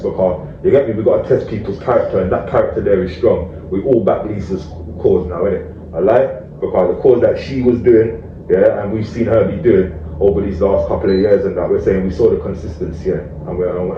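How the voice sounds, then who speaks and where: A man's voice: lowish voice, steady tone, fairly quick. A man with a London roadman accent giving emphatic, slang-heavy street talk, peppered with tag questions. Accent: London roadman, multicultural street London. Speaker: community activist speaker. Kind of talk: street talk addressed to camera. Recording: roomy, distant, dull audio with faint noise.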